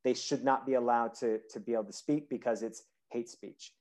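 A man's voice: mid-range voice, fairly quick. A man hosting a podcast, chatting casually about politics in a rambling way full of fillers. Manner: rambling, animated, frequent "like" fillers. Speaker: podcast host.

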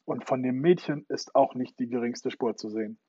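A man's voice: mid-range voice, normal speed, dark tone, breathy edge, no room sound, lightly acted. A man voicing a gang of puzzled pirate sailors, on a dull lo-fi recording. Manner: wondering, uneasy.

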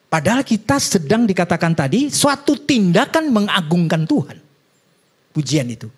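A middle-aged man preaching a sermon as a pastor, animated, with joking asides and rising exclamations to the congregation. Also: high voice, normal speed, slightly rough. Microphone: addressing a congregation and viewers.

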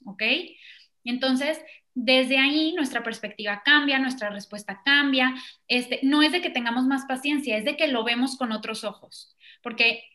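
Woman, parenting expert; high, bright voice, animated explainer. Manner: animated, acts out children and parents in quoted voices. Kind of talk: explanatory conversation.

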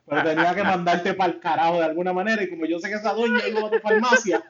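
A man's voice: sits high, quick pace, dull audio, over a noisy crowd. A Puerto Rican man co-hosting a podcast, joking and cursing in casual chat. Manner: profane, joking, animated. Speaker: podcast co-host.

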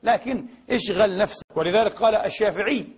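A man delivers a Friday sermon in a mosque, talking fast and with lots of energy. His voice sits high and has a husky grain, and he slips into short acted exchanges with a laugh in his voice. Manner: animated, acts out dialogues, laughs while preaching. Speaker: preacher.

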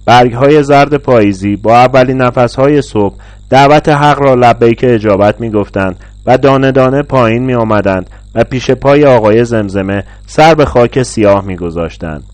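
Measured male storyteller, dry close sound. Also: mid-range voice, a little mellow, no echo. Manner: measured, literary reading. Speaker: narrator. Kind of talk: scripted narration of a literary short story.

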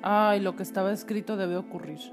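A woman who hosts a storytelling show reads a folk tale aloud at an ordinary mid pitch. She sounds relaxed and conversational, correcting herself now and then and adding brief asides. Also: fairly quick, over music. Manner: relaxed reading with restarts and asides. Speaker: host and storyteller.

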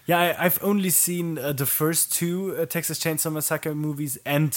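A man's voice: a little high, moderate pace. Easygoing man in casual chat. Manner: relaxed, hesitant with fillers. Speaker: podcast co-host.

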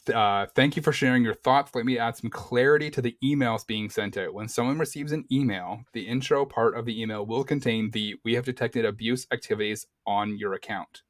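A man's voice: medium pitch, fairly quick, few pauses, no room sound, studio quality. A man co-hosting a podcast, easygoing, reading posts aloud and chatting with plenty of ums. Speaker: podcast co-host. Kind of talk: casual chat.

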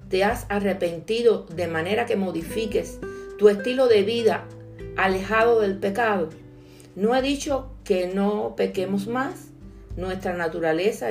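A woman's voice: mid-range voice, creaky, a little mellow. A woman giving an earnest devotional sermon, reading scripture and asking the listener direct questions. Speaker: preacher.

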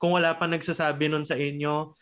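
A young Filipino man hosting a podcast, giving relaxed advice in a casual chat. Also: a little high, a little fast, clean tone. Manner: relaxed, advice-giving, mixing English and Tagalog. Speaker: podcast host.

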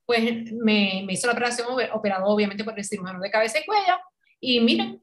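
A middle-aged woman with a Puerto Rican Spanish accent tells her story to a podcast host in relaxed conversation. Her voice sits a little high, and she is animated, acting out quoted dialogue and laughing easily. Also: quick pace. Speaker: podcast guest. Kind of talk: casual interview conversation.

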